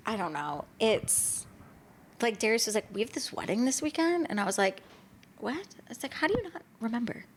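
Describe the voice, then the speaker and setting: A woman's voice: on the high side, big pitch swings, normal speed, slight background noise. A young adult woman co-hosting a podcast in casual chat, rambling with lots of fillers. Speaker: podcast co-host.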